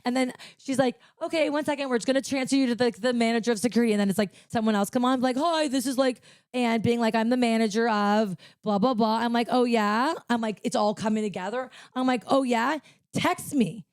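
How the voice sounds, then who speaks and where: A woman's voice: a little high, fairly even intonation, fast, darkish tone, smooth, no room sound, studio quality. A young woman co-hosting a casual podcast, telling a story animatedly and acting out both sides of a phone call. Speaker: podcast co-host. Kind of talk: casual chat.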